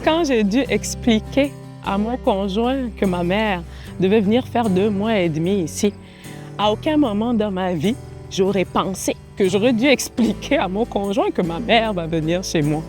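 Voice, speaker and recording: A woman from Gabon, speaking calmly and reflectively in a documentary interview. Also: medium pitch, normal speed, faint music behind. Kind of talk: documentary testimony.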